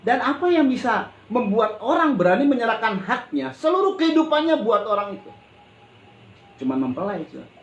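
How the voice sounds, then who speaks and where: A man's voice: very high-pitched, very animated, fairly quick, fairly bright tone, highs cut off. A man pastor preaching a sermon in a conversational, colloquial way, often calling out to his listeners and breaking in with exclamations. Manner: colloquial, with frequent exclamations and repetition. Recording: echoey hall with faint ambient noise.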